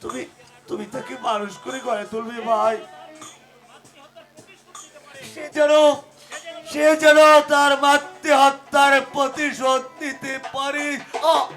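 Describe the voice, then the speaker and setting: A wounded fugitive father, desperate and gasping, in Bengali jatra melodrama. His very high voice drags slowly through halting, repeated words and groans. Faint music plays behind him. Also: creaky, a bit bright, full character voice. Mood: dying, pained.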